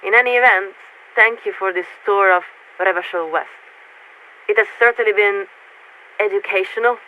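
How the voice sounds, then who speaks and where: A woman voices a poised radio officer aboard a coalition warship in scripted video game dialogue, thoroughly polite and bureaucratic. She's formal, measured and courteous, speaking as "we," her mid-range voice coming through a thin, phone-quality radio filter with light noise.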